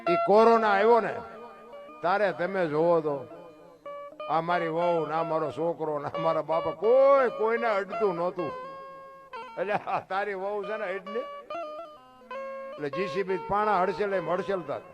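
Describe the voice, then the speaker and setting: A man's voice: sits high, unhurried, pauses often, music in the background. A man telling devotional folk stories on stage in a folksy, emphatic way, with rhetorical questions and snatches of song. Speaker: folk storyteller. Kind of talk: devotional folk storytelling talk.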